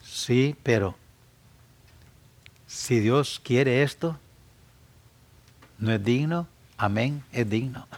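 A middle-aged man from Central America with a Central American Spanish accent, preaching a sermon, his voice dropping to soft asides and then rising to loud, high exhortation. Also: drawn-out words, pauses often. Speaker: pastor.

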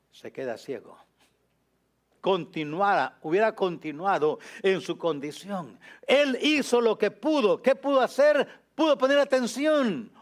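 A man preaching a sermon with a high voice and an unhurried delivery. He is emphatic and repeats his key phrases. He often sinks to a low, soft voice.

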